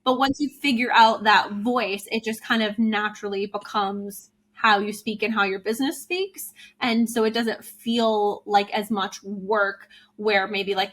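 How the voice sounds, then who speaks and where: A woman business coach talks through her advice in a relaxed interview. She speaks in a chatty, informal way and fills her sentences with "like" and "you know." Her voice sits at a middle pitch. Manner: chatty, explains with many fillers like "like" and "you know". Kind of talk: casual interview chat.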